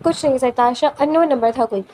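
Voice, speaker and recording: A woman's voice: sits high, warm tone. A woman voicing a protective older brother who sounds falsely casual and reassuring.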